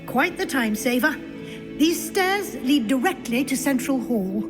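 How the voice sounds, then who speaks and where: A female professor at a wizarding school in a video game, with a fairly high British voice. She is formal and articulate, briskly guiding and encouraging a newcomer. Music plays clearly underneath her. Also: expressive. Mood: helpful, brisk. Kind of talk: scripted video game dialogue.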